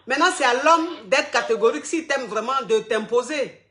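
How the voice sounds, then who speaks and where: A woman's voice: high-pitched, expressive, moderate pace, a crowd in the background. A woman hosting a live call-in advice show, direct and affectionate. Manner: direct, affectionate, calls listeners darling.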